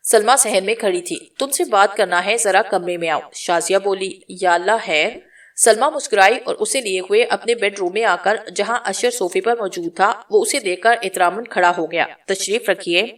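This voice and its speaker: A woman's voice: medium pitch, recorded from a distance. A woman narrating a novel and reading every character's lines in her own voice. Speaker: storyteller.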